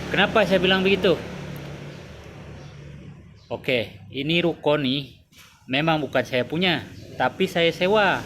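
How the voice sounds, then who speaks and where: A man's voice: fairly high pitch, background noise. Rambling man telling a shop story. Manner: rambling, repeats phrases. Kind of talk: casual storytelling vlog.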